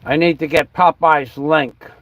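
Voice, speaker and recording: A man's voice: fairly high pitch, fairly even intonation, a little slow, fairly bright tone, dry recording. A man from the New York and New Jersey area hosting a livestream, chatting in a meandering way, spelling words out letter by letter and talking while he adjusts his camera. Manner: talks while fiddling with his camera setup. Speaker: livestream host. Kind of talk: rambling livestream chat.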